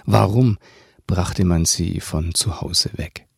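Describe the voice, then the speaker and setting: Gravelly low-voiced man reading aloud. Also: normal speed, darkish tone, no room sound, clean studio sound. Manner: thoughtful, with frequent restarts and throat clearing. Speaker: author reading from his book. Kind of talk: interview talk and book reading.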